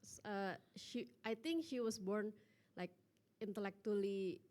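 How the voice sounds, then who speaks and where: A woman's voice: medium pitch, slow pace. A pregnant woman in her thirties, a mother telling a seminar speaker about her daughter's tantrums and acting out the child's voice. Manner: animated, acts out her child's voice. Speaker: mother asking a question. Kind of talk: casual storytelling, code-switching.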